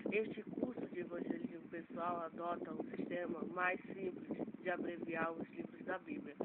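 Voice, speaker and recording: A man with a high voice reads out an evangelism lesson in an earnest, measured way, sometimes tripping over a word and starting again. The sound is thin and phone-like, and a loud hiss with wind noise runs under everything. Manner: earnest, measured reading with occasional stumbles and self-corrections. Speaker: evangelism course teacher. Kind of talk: reading a course text aloud.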